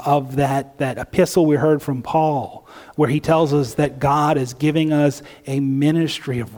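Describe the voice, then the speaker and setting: A male preacher delivers an earnest sermon in a fairly high voice, pausing on fillers and restarts. He sometimes slips into imagined inner voices to make a point. His words ring out with the long reverb of a large hall. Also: darkish tone.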